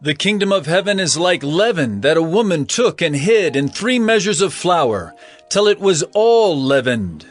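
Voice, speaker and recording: With soft music behind him, an actor brings a storytelling mood to a dramatized scripture reading as an earnest male teacher of parables. His slightly high voice is very animated, and his phrasing stays measured, emphatic and declamatory.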